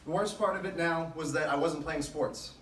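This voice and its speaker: A man giving a motivational speech to a sports team, telling his story in an earnest, deliberate way with emphatic phrases. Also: a little high, fairly bright tone, a little hiss or hum. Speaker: motivational speaker. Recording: echoey room, distant microphone.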